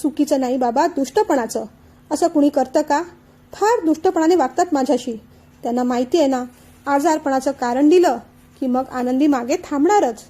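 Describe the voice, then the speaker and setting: Tearful sulking young wife read by a woman, high mellow voice, audiobook drama. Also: normal speed, close to an everyday voice. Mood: tearful complaint. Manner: complaining through tears.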